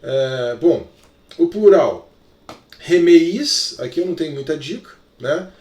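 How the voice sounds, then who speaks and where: A man's voice: on the high side, expressive, slow pace, darkish tone. Man, Brazilian Portuguese accent, teacher, explanatory, filler-heavy, roomy echo. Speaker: Greek teacher. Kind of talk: recorded online lesson. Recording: echoey room, voice from far off.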